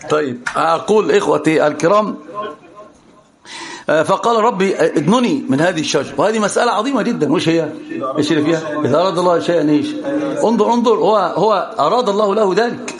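A man giving a religious lesson to students, animated and teasing as he teaches. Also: sits high, quick pace, a crowd in the background. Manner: animated, teasing, often laughing.

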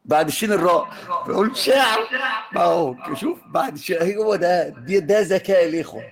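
A man's voice: high voice, lively intonation, brisk, gravelly, music in the background. A man with an Egyptian accent giving an informal religious lesson, teasing and joking with his students as he moves between classical and colloquial speech. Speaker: religious teacher.

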